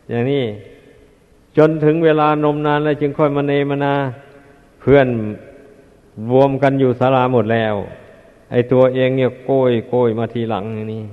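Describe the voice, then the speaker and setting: An older man, a Buddhist monk with a Northeastern Thai accent, gives a sermon to his disciples in a measured, admonishing way, with frequent pauses and filler sounds. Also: mid-range voice. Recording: tinny, echoey hall recording.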